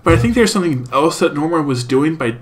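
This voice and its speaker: A podcast co-host chats casually through his notes about an anime episode, staying steady and agreeable. He has a fairly high voice and talks fast.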